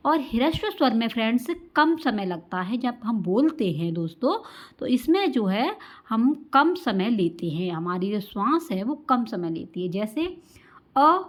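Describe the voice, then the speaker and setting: High-voiced woman teaching a grammar lesson. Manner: addresses listeners as friends, asks and answers own questions; draws out example sounds slowly. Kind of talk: exam-prep grammar lesson.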